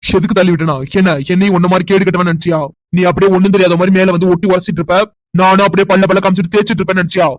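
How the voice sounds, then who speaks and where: Guy doing a cartoon husband who sneers and scolds, high-ish voice, rattles it off fast. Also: little pitch movement, dry recording, lightly acted. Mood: scornful anger. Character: young husband, harsh and contemptuous. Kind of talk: cartoon drama voice acting.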